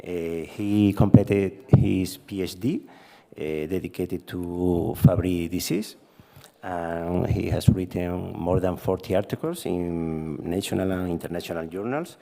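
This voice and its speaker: A man with Spanish as his first language chairs a conference session, introducing the speaker in a halting way with "eh" fillers. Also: low-pitched, dark tone. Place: conference hall. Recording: reverberant conference hall.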